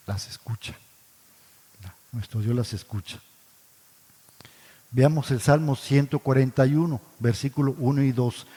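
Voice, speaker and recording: Male Bible study teacher, darker mellow tone, rhetorical questions he answers himself, church hall with a long echo. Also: mid-range voice. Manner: asks the congregation questions and answers them himself; addresses listeners as brothers, frequent tag questions.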